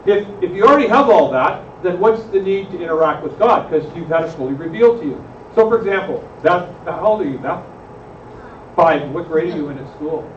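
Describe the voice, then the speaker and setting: A man's voice: a little high, expressive, a little fast. A man leading a church group discussion, often asking the room questions and adding "right?". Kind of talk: conversational Bible study discussion. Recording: roomy, distant, slightly muffled with faint noise.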